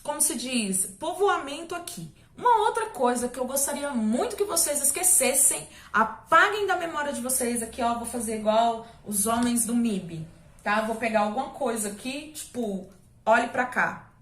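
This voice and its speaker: A woman's voice: a little high, lively intonation, moderate pace, a bit bright. A woman from Brazil teaching a recorded history lesson in a chatty, conversational way, checking in with students often and slipping in small jokes. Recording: echoey room.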